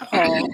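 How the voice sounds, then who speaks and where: A woman in her forties hosting a casual livestream chat, reading out viewer comments as she talks. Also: background noise. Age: 40s. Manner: chatty, reads out viewer comments. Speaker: stream host. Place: outdoors near her house.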